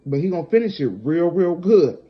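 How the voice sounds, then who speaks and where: Animated, blunt woman telling stories. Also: fairly low pitch, a little fast, lo-fi sound. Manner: animated, blunt, acts out quotes. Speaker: storyteller vlogger. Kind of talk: casual personal storytelling.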